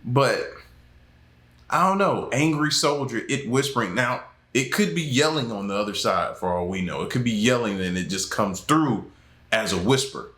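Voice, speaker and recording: A man's voice: medium pitch, expressive, normal speed, a bit bright, roomy sound. A man hosting a reaction video, commenting casually in a skeptical, joking way. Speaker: reaction host.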